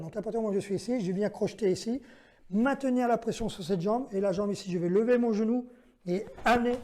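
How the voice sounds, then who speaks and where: Guy teaching self defense moves, warm mellow voice, counts one two, keeps asking ok?. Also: high-pitched. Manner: methodical, counts out moves and checks in with "d'accord?"; gives short commands to a training partner. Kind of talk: demonstration lesson.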